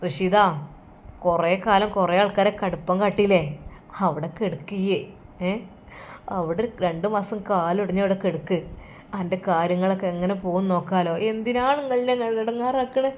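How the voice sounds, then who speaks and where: A woman's voice: medium pitch, fairly even intonation, moderate pace, darkish tone, a little hiss or hum, lightly acted. Woman doing a stern scolding father. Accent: Malappuram Malayalam. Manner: gruff and scolding. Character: stern, angry middle-aged father.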